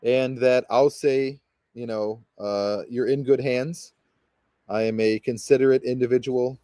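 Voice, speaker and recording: A man's voice: medium pitch, steady tone, measured pace, warm tone, dry recording. A man leading a guided meditation as a spiritual guide, talking in a rambling, hesitant way full of fillers and restarts.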